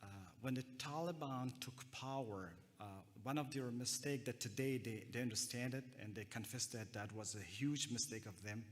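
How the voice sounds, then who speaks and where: A man from Afghanistan gives a talk at a conference, pausing often and restarting his sentences. His voice sits at an ordinary middle pitch. Long reverb from the hall trails behind each phrase. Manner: hesitant, many fillers and restarts. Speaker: counterterrorism analyst.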